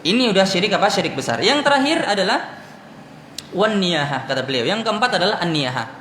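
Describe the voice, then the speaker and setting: A man's voice: high-pitched, very animated, brisk, a bit bright. A man from Indonesia teaching an Islamic study lesson, asking his listeners questions and answering them himself, telling anecdotes with light laughter. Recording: echoey room with faint background noise.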